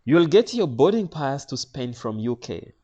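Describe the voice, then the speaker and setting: A man's voice: mid-range voice, sing-song, a little slow, mellow, breathy edge, lo-fi sound, voice pushed up. A man voicing a polite, doubtful female check-in clerk at an airport. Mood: puzzled.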